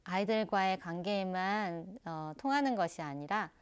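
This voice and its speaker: A woman giving an online parenting lecture, explaining calmly and addressing parents directly. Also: medium pitch, normal speed, smooth.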